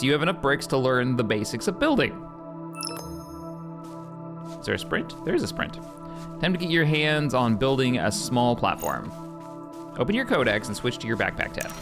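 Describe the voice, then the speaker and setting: A man commentating his own gameplay for a live stream, his pitch bouncing around a lot as he reacts. He reads tutorial prompts out loud and chats with viewers, with game music playing clearly behind him.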